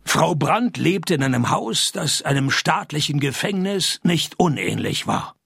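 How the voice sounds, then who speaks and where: A sardonic, world-weary noir private eye from a radio drama. The voice is fairly high for a man and heavily creaky, swinging up and down through dry, deadpan wisecracks. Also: a little slow, dry recording, full character voice. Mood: wry narration. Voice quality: gravelly, raspy. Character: wry, world-weary male private detective narrating his case. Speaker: lead character and narrator.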